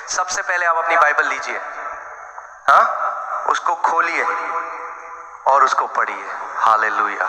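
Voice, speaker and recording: In a church hall, a man preaching as pastor calls out questions to the congregation in a blunt, direct manner. His voice is on the high side with a sharp tone, and the echoey hall gives a long reverb.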